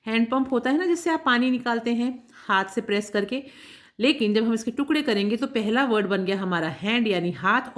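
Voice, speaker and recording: A woman teacher taking schoolchildren through a workbook lesson, patiently spelling words out letter by letter and checking they follow along. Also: a little high. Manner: addresses children directly, checking understanding. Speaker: English teacher.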